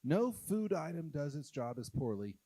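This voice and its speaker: A man from Oklahoma doing a stand-up comedy set on a live stage, talking in a halting, self-deprecating way with many "uh" fillers. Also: fairly high pitch, very animated, warm tone, no echo. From Oklahoma, USA.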